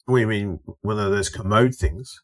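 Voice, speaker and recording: A man's voice: fairly low pitch, brisk. Australian man telling a toilet story. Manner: storytelling, acts out others' lines, swears casually. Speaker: podcast co-host. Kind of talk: casual chat.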